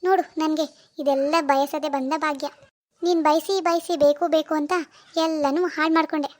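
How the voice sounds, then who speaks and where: A woman voicing a boastful rich young woman who taunts and lectures her poorer sister in an animated cartoon. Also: high-pitched, moderate pace, no echo, lightly acted. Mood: taunting. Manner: taunting, scolding, preachy.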